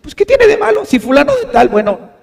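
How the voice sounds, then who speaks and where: A man imitating a defensive, complaining church member in a high, whiny voice. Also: very animated, brisk, creaky, full character voice. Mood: indignant. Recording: reverberant church hall.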